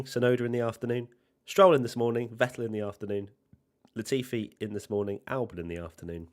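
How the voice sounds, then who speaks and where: A man hosting a motorsport livestream, giving casual commentary and informally talking himself through tasks with dry teasing. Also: on the low side. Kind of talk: casual live commentary and chat.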